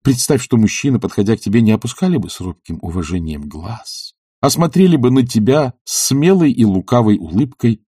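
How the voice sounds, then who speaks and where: A man's voice: medium pitch, animated, a little fast, dark tone, husky, no room sound, studio quality. A man reading a brooding, pleading young nobleman. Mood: earnest. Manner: earnest and searching. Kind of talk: audiobook character reading.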